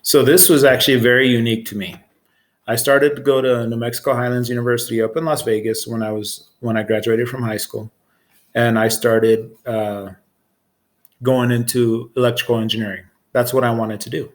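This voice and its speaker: This is a plain-spoken air traffic control supervisor, an American in his 40s, talking about his work during a casual interview. He keeps a level tone and a moderate pace, and his voice sits in the middle range.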